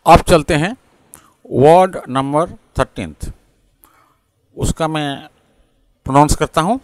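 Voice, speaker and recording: A man with an Indian English accent teaching English pronunciation, slowly repeating words and spelling them out letter by letter. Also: on the high side, dry recording. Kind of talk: classroom-style lesson mixing Hindi and English.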